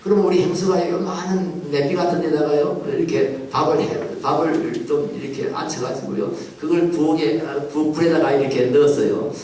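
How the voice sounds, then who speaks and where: A pastor telling a childhood story in a sermon, acting out the people in it. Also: male voice, a little high, moderate pace, hardly any pauses, a little hiss or hum. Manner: animated storytelling, acts out voices. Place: large church hall. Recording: echoey hall from far off.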